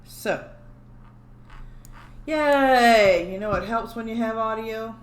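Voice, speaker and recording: Speaking slowly in a slightly high voice, a solo livestream host keeps things casual, making jokes about the technical problems she's running into. Her audio has room echo and a faint background hum.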